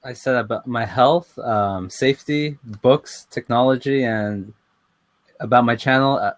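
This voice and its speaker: A man from Canada giving brief, measured answers on a casual live video call. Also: medium pitch, dry recording. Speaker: guest, video creator.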